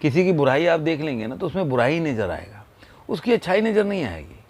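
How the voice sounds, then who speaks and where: Gravelly man telling a moral story. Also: fairly high pitch, very animated, darkish tone. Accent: Hindi. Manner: unhurried, pausing often with fillers. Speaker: motivational speaker.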